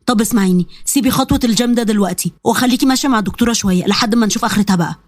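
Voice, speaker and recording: A woman's voice: a little high, rapid-fire, no room sound, voice pushed down, close to an everyday voice. A woman voicing a caring, teasing husband with an Egyptian accent in a told story. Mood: coaxing. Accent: Egyptian Arabic. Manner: coaxing.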